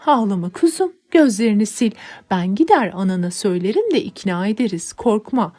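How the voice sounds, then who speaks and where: A woman's voice: mid-range voice, lively intonation, a little fast, dark tone, close to an everyday voice. A woman voicing an old nanny who fusses and exclaims in a dramatic, motherly way. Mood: soothing.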